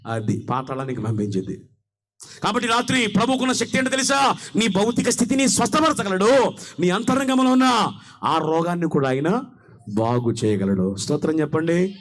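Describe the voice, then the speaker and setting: Male preacher with a Telugu accent, high-pitched, preaching in rhythmic call-and-response. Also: very animated, moderate pace. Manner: call-and-response preaching, calling on the crowd to repeat; rhythmic, repetitive, half-sung. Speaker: pastor. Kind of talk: sermon.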